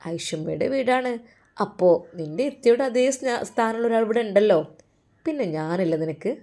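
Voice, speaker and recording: Woman doing a soft-spoken husband, low and soothing. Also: expressive, moderate pace, close to an everyday voice. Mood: tender. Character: gentle caring young husband.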